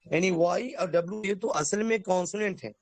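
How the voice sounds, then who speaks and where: A man's voice: high voice, no room sound. Man teaching English phonics, dry close sound. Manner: spells words out letter by letter and repeats them slowly; addresses listeners formally. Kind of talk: explanatory language lesson.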